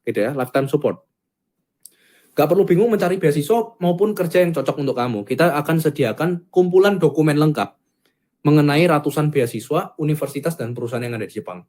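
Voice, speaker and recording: A man giving a casual, chatty sales pitch for a Japanese language course, often tagging phrases with a quick "gitu ya". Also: expressive, a little mellow.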